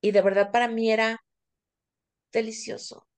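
A woman's voice: a little high, flat delivery, moderate pace. A middle-aged Mexican woman co-hosting a podcast, talking candidly and casually with plenty of fillers. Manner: candid, confessional, many fillers. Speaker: podcast co-host.

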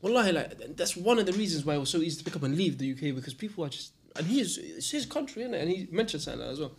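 A man telling a story in a casual chat, animated and slangy. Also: fairly high pitch, racing, a little hiss or hum.

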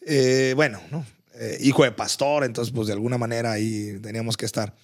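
A man's voice: medium pitch, fairly even intonation, brisk, a little mellow. A man, a pastor, talking in a casual faith conversation, telling his story with earnest feeling and stumbling over repeated words.

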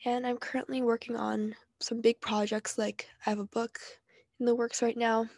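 A woman's voice: fairly high pitch, level tone, normal speed, a little mellow, dry recording, clean studio sound. A teenage girl with a nasal voice from allergies, talking candidly and casually on her own podcast. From New Jersey. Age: teens. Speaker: podcast co-host. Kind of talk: personal podcast monologue.

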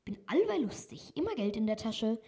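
A jolly, carefree knife grinder from a fairy tale, merry and glib, voiced by a woman reading aloud. The tone is husky and mellow. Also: on the high side, sing-song, normal speed, heavily acted.

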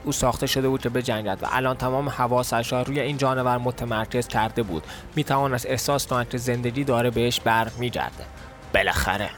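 A man, the host, reading a fantasy tale aloud in a steady, measured storytelling voice. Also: mid-range voice. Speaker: podcast host and narrator. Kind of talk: storytelling narration.

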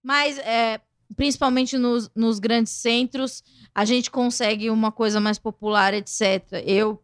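A woman hosting a podcast in casual chat, chatty and quick to laugh. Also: on the high side, fairly even intonation, clean tone. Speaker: podcast host.

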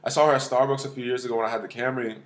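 A man's voice: medium pitch, steady tone, very fast. A man podcast co-host telling stories in casual, slangy frat-bro banter, swearing freely and acting out exchanges.

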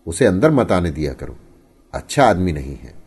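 A suspicious village husband speaks in a stern, firm voice, as the narrator gives him lines. The voice is deep and mellow with a husky edge, and it rises and falls a lot. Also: male voice, very animated, normal speed. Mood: accusing.

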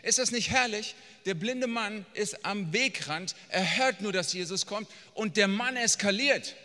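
High bright preacher guy, blunt, goes from quiet to almost yelling, big echoey church hall. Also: lively intonation, a little slow. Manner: emphatic and blunt, swinging from quiet asides to near-shouting. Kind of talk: sermon. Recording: long reverb of a large hall.

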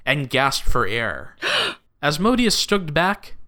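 A man narrating an audio drama with expressive, lively storytelling. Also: a little high, slow.

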